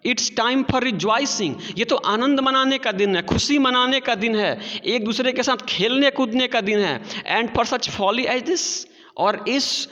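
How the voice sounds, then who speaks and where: A man voicing an elderly grandmother who scolds and pleads with a brawling crowd, in a raised, high voice. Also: sharp tone, full character voice. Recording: dull lo-fi audio with long reverb.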